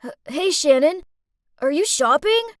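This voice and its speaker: A nervous, dorky teenage schoolboy stammers out his words with eager energy, as a woman puts him on. The voice sits high and swings up and down like a character in an animated story. The sound is dry and close. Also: measured pace, dry recording.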